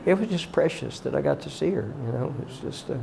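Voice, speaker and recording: An older man speaks in a gravelly, slightly high voice, heartfelt and halting as he reminisces. His talk turns prayerful and emotional. Faint outdoor ambience sits behind him. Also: lively intonation, mellow, a little hiss or hum. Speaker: college teacher and guide.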